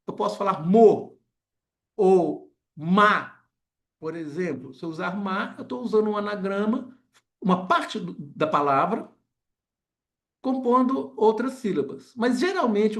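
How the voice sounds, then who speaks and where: A man with a high voice and a Brazilian accent delivers an academic lecture. He pauses often, filling the gaps with short filler words and tag questions.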